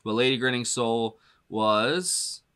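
A man's voice: mid-range voice, slow pace, fairly bright tone, clean tone. A man talking loosely through a casual music reaction as a drummer, filling his speech with "you know" and "like" and laughing often as he goes.

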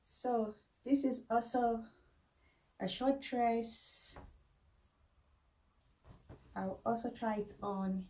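A woman's voice: a little high, steady tone, mellow, poor audio. A woman in her thirties hosting a casual try-on haul vlog at home, talking unhurriedly with many fillers. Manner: unhurried, halting, with frequent fillers. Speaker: vlogger. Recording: faint background noise.

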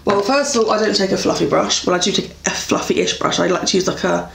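A woman's voice: medium pitch, quick pace, gravelly, fairly bright tone. A young English woman chatting casually while reviewing beauty products, with lots of fillers and self-corrections. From England. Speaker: beauty vlogger. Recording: echoey room.

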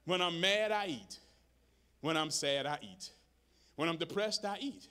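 Lively high-voiced male pastor preaching. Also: unhurried. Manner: conversational preaching, calls out to the congregation; rhythmic repetition of phrases. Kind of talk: sermon. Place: church sanctuary, live service.

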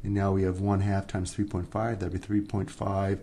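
In a low, mellow voice with a completely flat delivery at normal speed, a man gives a recorded economics lecture over slight background noise. The instructor works through problems step by step, often pausing to ask "right?".

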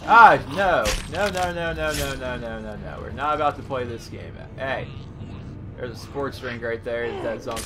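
A man giving casual let's play commentary over a zombie game, excitable and chatting to the enemies on screen. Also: medium pitch, normal speed, noisy background. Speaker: gaming YouTuber. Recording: game sound loud behind the voice.

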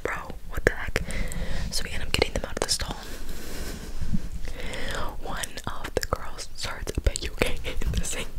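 Young woman whispering ASMR right up close. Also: low-quality recording. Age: 20s. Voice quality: breathy, unvoiced whisper. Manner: slow, deliberate, repeats words and phrases softly. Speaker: ASMR creator. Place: small bedroom, indoors. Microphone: close-up handheld condenser microphone, cupped with a hand.

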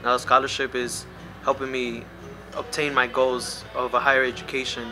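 A young man in his early twenties gives an earnest, measured testimonial to the camera. His pitch stays level and even. Music plays underneath. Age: young adult. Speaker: scholarship student. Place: indoors in front of a logo wall.

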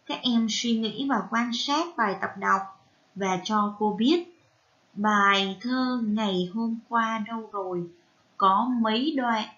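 A woman with a Vietnamese accent teaching a reading lesson to young children, spelling out syllables carefully and prompting them gently. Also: on the high side, slow, dull audio. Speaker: primary school teacher.

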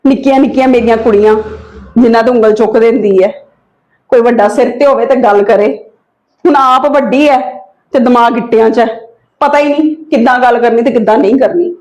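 A woman playing an aunt in a family drama, reasoning calmly and pleading for patience. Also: on the high side, brisk. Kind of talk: acted family drama dialogue.

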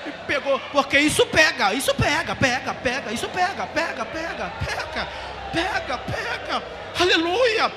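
A man, a pastor telling stories in a sermon and building to fervent shouted preaching. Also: extremely high pitch, very animated, normal speed, hardly any pauses, a crowd in the background. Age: 30s. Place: church hall. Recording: echoey church hall with music. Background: music playing.

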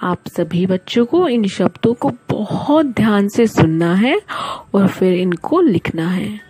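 A woman teacher giving a slow spelling dictation to young children, repeating each word and breaking it into sounds with patient care. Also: mid-range voice, sing-song, mellow, slightly rough.

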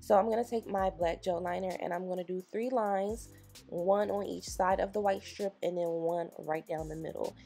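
A woman nail technician, raspy from just waking up, chatting casually and encouragingly to viewers as she explains her work. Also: on the low side, steady tone, normal speed, warm tone, faint music behind. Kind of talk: casual tutorial voice-over.

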